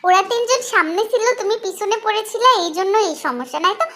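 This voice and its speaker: A woman's voice: very high-pitched, animated, fast talker, a bit bright. A woman voicing a bossy but soothing village mother-in-law who scolds, then coaxes. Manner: scolding, then coaxing in dialect.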